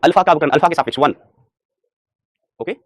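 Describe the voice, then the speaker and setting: Brisk male teacher, slightly high voice, quizzing and coaxing students. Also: no echo, clean studio sound. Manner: addresses students as beta, repeats questions and answers himself; urges students on with rapid repetitions. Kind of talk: live online class.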